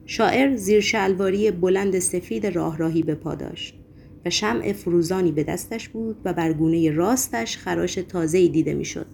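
A woman narrating a novel as an audiobook, reading in a steady, measured way. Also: on the low side, creaky, slight background noise. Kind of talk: scripted narration.

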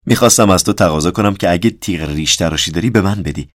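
A man's voice: sits low, no echo, studio quality. A man voicing a young male lexicographer who speaks eagerly and coldly about gruesome details. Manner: bright, keen, relishing gruesome detail.

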